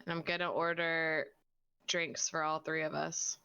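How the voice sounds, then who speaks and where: Clear-voiced woman playing a tabletop game. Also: sits low, little pitch movement, unhurried, pushed and bright. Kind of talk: casual playful chat.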